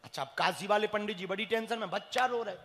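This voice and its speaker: A male religious storyteller tells a comic tale in a lively way and acts out its characters. His voice is very high and bright. It comes through a PA in a hall with long reverb. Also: fast.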